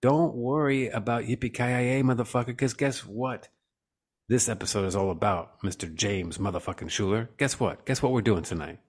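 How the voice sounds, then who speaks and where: A man's voice: medium pitch, normal speed. A man hosting a casual comedy podcast, riffing in a playful, profane and theatrical way. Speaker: podcast host. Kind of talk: casual comic chat.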